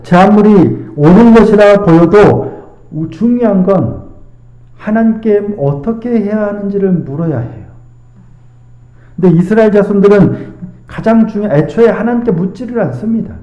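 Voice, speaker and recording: Man, pastor, high voice, earnest sermon, rhetorical questions, echoey church hall, dull lo-fi sound. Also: warm tone. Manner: earnest, rhetorical questions, quotes scripture slowly. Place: church sanctuary.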